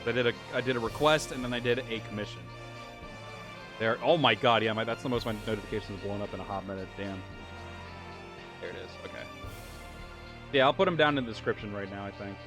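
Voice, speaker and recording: A man chatting casually with his viewers during a live game stream, rambling and a little hoarse as he loses his voice. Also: lowish voice, fast, pauses often. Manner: rambling, talks to chat while playing. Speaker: livestreamer. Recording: game music behind the voice.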